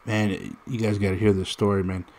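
An American man in his thirties rambles through stories while playing a mobile fighting game, talking casually and directly with plenty of restarts. His voice is lowish, a little mellow and flat, and he speaks a bit fast.

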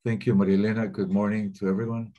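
During a remote webinar, a man simultaneously interprets the talks, keeping a steady, measured delivery broken by the occasional hesitation. His voice sits on the low side, and the sound is lo-fi.

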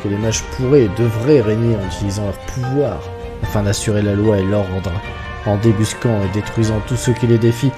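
A man's voice: fairly low pitch, fairly even intonation, a little fast, over music, natural voice. A man reading out the lines of a power-hungry exiled male mage tyrant, plainly from game text. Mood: domineering.

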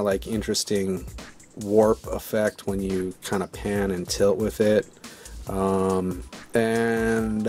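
A man with a low voice talks through his footage in a loose, casual voice-over. His delivery stays flat and easygoing, wandering through fillers and restarts. Faint music plays underneath. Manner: relaxed, rambling, many fillers. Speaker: video maker.

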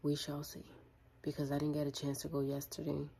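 A woman's voice: sits low, monotone, a little fast, vocal fry, warm tone, slightly rough. A woman in her thirties vlogging at home, rambling casually to her phone's front camera in a small room. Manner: rambling, chatty, thinking aloud. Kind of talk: casual vlog chat. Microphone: phone front camera close to the face.

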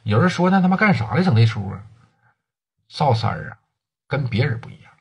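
A man's voice: medium pitch, very animated, a little fast, gravelly, darkish tone, slightly rough. A man with a Northeastern Mandarin accent telling underworld tales in a colloquial, earthy way. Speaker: storyteller. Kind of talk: oral storytelling of underworld tales.

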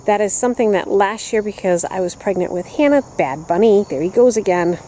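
A woman's voice: mid-range voice, animated, fairly quick, warm tone, slight background noise, poor audio. A woman in her thirties giving a casual, upbeat tour of her backyard vegetable garden, filmed with a handheld camera at arm's length. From upstate New York, US. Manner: chatty, upbeat, walking and pointing at plants. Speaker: gardening vlogger. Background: crickets and insects.

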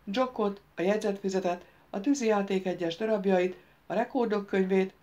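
A woman's voice: medium pitch, fairly even intonation, dull audio. Woman reading an audiobook. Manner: reads dialogue lines louder and livelier than narration. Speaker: audiobook narrator. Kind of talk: audiobook narration.

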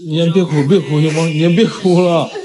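A man's voice: a little high, steady tone, brisk, crowd noise. A man with a Northeastern Mandarin accent hosting a staged prank skit, flustered and pleading, repeating himself. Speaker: vlog host.

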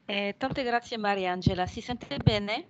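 French lady w french accent doing an online talk, really slow n halting, dull audio w some noise. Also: medium pitch. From France. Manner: halting, searching for words. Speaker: programme presenter. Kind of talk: online slide presentation. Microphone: video call. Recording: dull, noisy video call audio with clicks.

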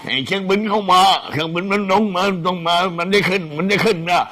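A man's voice: high voice, quick pace, slight background noise. An older man, a senior monk, telling stories casually in a rambling old man's way, often repeating his words. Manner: animated. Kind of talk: casual storytelling.

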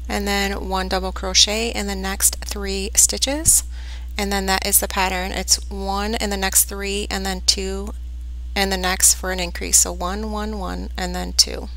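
A woman teaching crochet step by step, calmly counting stitches aloud over close-up shots of her hands. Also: medium pitch, unhurried, poor audio. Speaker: crochet instructor. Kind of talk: step-by-step tutorial narration.

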